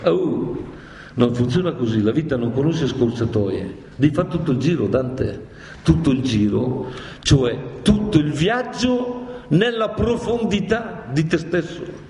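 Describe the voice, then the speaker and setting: A man's voice: fairly high pitch, unhurried. Man lecturing dramatically in echoey hall. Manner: dramatic, animated, theatrical. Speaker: speaker lecturing on Dante. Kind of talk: lively public talk.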